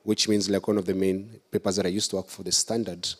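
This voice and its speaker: At a conference Q&A, a Kenyan-accented political candidate fields questions from the audience, earnest and developing his arguments one step at a time. His voice sits low and has a breathy edge, and he talks fast with a flat delivery.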